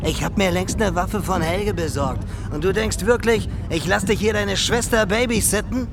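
An actor playing a brutal, swearing young gang leader in a radio play, threatening teenagers. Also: male voice, high voice, normal speed, gravelly, background noise. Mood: menacing. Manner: crude, swearing, menacing.

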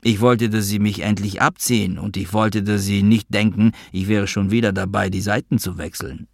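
A man's voice: on the low side, fairly even intonation, normal speed, vocal fry, dry recording, studio quality. A man reading the part of a self-important elderly father who was once a double agent, wheedling and boastful. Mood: defensive.

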